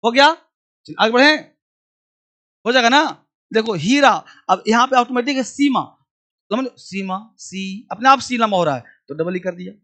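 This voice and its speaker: A man's voice: very high-pitched, expressive, normal speed, sharp tone. A man teaching English spelling in a demo class, drilling sounds by repeating words and quizzing his students, calling them child. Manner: addresses students fondly as child.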